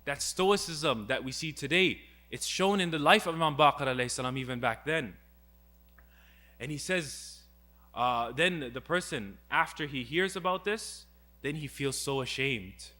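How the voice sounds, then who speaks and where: Bright-voiced man giving an earnest religious talk. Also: fairly high pitch, animated, moderate pace. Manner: earnest, rhetorical questions, retells stories with acted quotes. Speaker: speaker.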